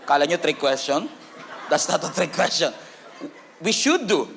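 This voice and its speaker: A man with a Filipino accent preaching a sermon in a church, animated and humorous, calling on the congregation to respond. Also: a little high, unhurried, vocal fry, slight background noise. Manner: animated, humorous preaching with Taglish code-switching. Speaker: pastor.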